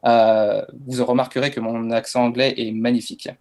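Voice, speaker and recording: A man's voice: medium pitch, flat delivery, moderate pace, a little mellow, slight background noise. A French man presenting a masterclass on writing social media posts, casual and hesitant with frequent fillers. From France. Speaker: LinkedIn content coach.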